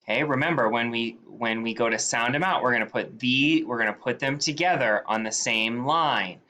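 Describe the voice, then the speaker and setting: A woman teacher giving a spelling dictation, sounding out each word slowly and repeating it with patient, clear delivery. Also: very deep voice, sharp tone, slight background noise.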